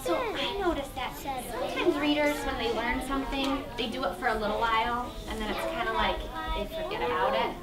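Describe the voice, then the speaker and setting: A woman teaching a reading lesson to young children as a kindergarten teacher, giving simple, animated instructions with drawn-out emphasis. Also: high-pitched, over a noisy crowd. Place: classroom. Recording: echoey classroom, distant mic, clear noise.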